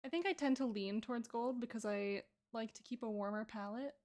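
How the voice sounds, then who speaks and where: A woman's voice: fairly high pitch, a little fast, darkish tone. A woman art streamer chatting casually and playfully while she draws, joking and laughing with her viewers. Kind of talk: casual chat while drawing.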